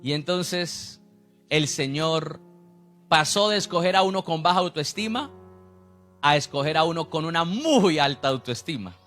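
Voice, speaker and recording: A man's voice: a little high, expressive, unhurried, fairly bright tone, faint music behind. A man, preaching a sermon as a pastor, who acts out the people he quotes.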